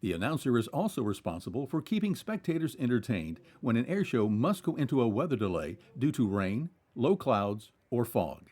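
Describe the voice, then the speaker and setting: A man's voice: medium pitch, very animated, normal speed, few pauses, darkish tone. A man reading scripted documentary narration in a polished, explanatory way.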